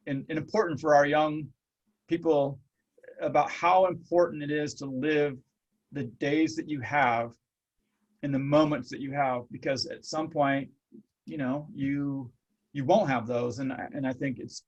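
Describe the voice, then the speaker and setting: A middle-aged man hosts a casual interview. He talks in an earnest, rambling way, stopping often to reflect. His voice sits slightly high for a man. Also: steady tone, normal speed, lo-fi sound. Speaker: host.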